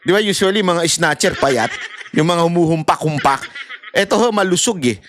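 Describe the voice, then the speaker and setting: A man's voice: on the high side, lively intonation, moderate pace, fairly bright tone, slight background noise. A man in impassioned political commentary, ranting and mocking, with laughs and acted-out voices. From Philippines.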